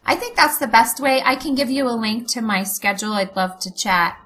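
A woman's voice: fairly high pitch, expressive, brisk, sharp tone, rough recording. A woman guest on a podcast interview, a coach who talks candidly and emotionally about faith and hardship. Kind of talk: conversational interview.

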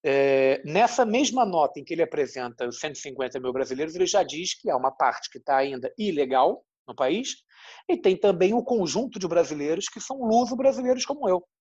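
A Brazilian man from Rio de Janeiro, a journalist with a husky voice, explaining his views at length in an interview. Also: fairly high pitch, lively intonation, brisk, darkish tone, dry recording, muffled recording. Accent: Rio de Janeiro Brazilian Portuguese. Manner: explanatory, thoughtful, frequent "né?" tags. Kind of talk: interview answers.

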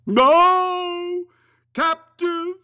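A man voicing the anguished ghost of an old miser bound in chains, wailing slowly and drawing out his words. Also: very high-pitched, pushed and bright, voice pushed up, exaggerated voice. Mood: mournful. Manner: wailing, slow and drawn out.

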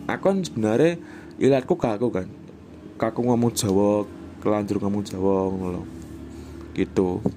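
A man's voice: mid-range voice, dark tone, slight background noise. A young Indonesian man with a Javanese accent, hosting a casual solo podcast and rambling as he mixes in Javanese and English phrases. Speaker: podcast host.

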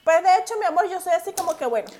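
Woman on a podcast, high voice, expressive, goes soft then loud. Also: racing, a little hiss or hum. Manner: expressive, swings from soft-spoken to loud and dramatic. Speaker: podcast co-host. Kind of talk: casual chat.

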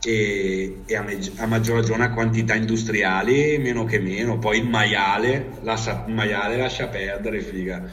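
A man's voice: lowish voice, steady tone, moderate pace, hardly any pauses, fairly bright tone, slight background noise. A man with a northern Italian accent telling stories in casual chat, rambling and slangy, with swearing thrown in. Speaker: storyteller recalling life abroad. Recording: distant mic.

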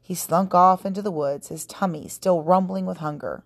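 A woman hosting a podcast, reading a children's book aloud in a calm, clear, steady way. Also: on the low side, normal speed. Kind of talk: storybook read-aloud narration.

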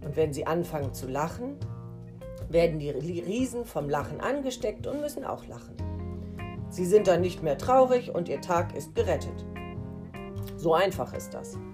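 Woman reading a children's story, low voice. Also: moderate pace, music in the background. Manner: lively, playful storytelling. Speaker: teacher reading aloud to pupils.

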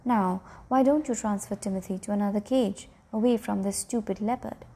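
A woman's voice: medium pitch, normal speed, mellow, slightly rough. A woman voicing a stubborn, testy old grandfather who talks brusquely and insists on his way.

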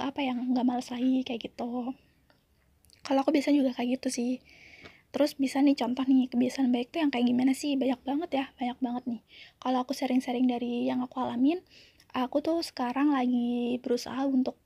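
A woman's voice: high-pitched, mellow, breathy edge, dry recording, dull audio. A young woman in her twenties sharing a personal story in a casual, confiding way, full of fillers. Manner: chatty, confiding, many fillers.

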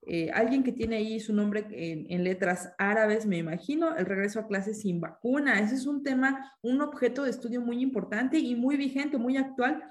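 A woman's voice: a little high, normal speed, few pauses. A woman teaching a live-streamed class, explaining ideas, asking questions and reading students' comments aloud.

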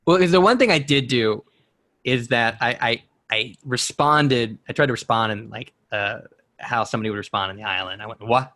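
A man's voice: mid-range voice, normal speed, bright, forceful tone, no room sound. A man in his twenties co-hosting a podcast, rambling through a story and laughing at himself. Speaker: podcast co-host. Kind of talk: casual chat.

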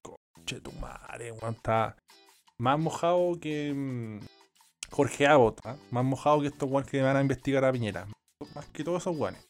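A man's voice: medium pitch, moderate pace, faint music behind. A young man with a Chilean accent telling a rambling story in casual chat, full of slang and swearing.

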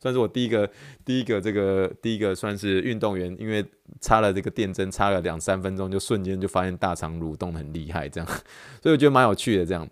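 A man's voice: low voice, fast talker, dry recording. A man, hosting a casual storytelling podcast in a chatty, laughing way. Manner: chatty, laughing, self-correcting. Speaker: podcast host, physical therapy intern.

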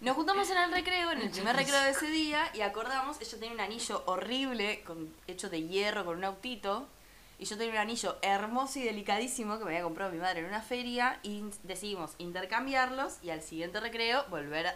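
A woman's voice: mid-range voice, lively intonation, quick pace, a bit bright, slight background noise. A woman in her twenties with an Argentine accent, co-hosting a casual podcast chat with friends and telling stories with playful sarcasm. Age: 20s. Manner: joking storyteller, playfully sarcastic. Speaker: podcast co-host.

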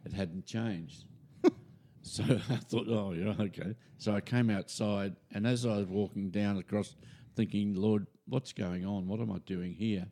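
Older Australian man, low mellow storyteller. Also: unhurried, a little hiss or hum. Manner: animated storyteller who acts out quoted voices. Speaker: podcast guest, retired minister. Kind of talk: casual storytelling chat.

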